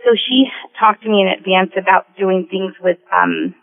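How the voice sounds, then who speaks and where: A woman's voice: mid-range voice, steady tone, normal speed. A middle-aged woman giving a casual personal account as an interview guest over the telephone. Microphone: phone call. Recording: noisy, thin telephone line.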